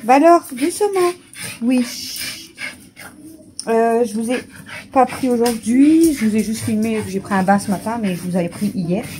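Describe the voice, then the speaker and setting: A woman's voice: fairly high pitch, lively intonation, normal speed, warm tone, a little hiss or hum. A woman vlogging casually at home, chatting through her shopping and cooing at her pets in a sing-song voice. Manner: chatty, unboxing and listing items aloud. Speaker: family vlogger. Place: at home indoors.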